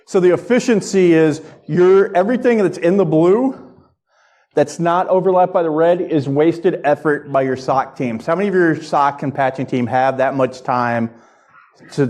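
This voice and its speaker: A man with a slightly mellow, mid-range voice, a security research director, gives an informal technical lightning talk at a conference. He keeps it conversational and checks in with the audience as he goes.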